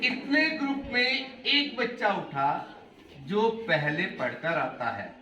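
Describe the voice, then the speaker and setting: A middle-aged man speaking as a motivational speaker to schoolchildren, animated and asking the class questions. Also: sits high, takes it slowly, noisy background. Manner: animated, asks the class questions, mixes in English phrases. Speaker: motivational speaker addressing students. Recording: echoey hall, voice from a distance.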